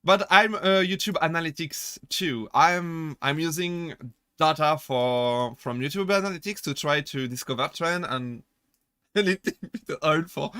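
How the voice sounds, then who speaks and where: A man on a casual chat stream, talking as a VTuber with a bright, forceful tone that sits a little high. He rambles, corrects himself mid-sentence and breaks into laughter while answering chat. The sound is dry and close, with no room around it. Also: clear, resonant tone, no echo. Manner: chatty, rambling, self-correcting.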